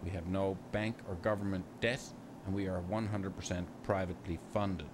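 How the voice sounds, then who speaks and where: A man reading a scripted, formal narration in a measured way. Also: low-pitched, fairly even intonation, background noise.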